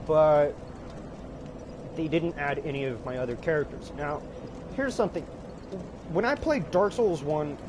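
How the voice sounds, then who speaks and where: A man casually telling an anecdote about his games, animated, swearing freely and breaking into laughter. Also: a little high, noisy background. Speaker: gaming storyteller.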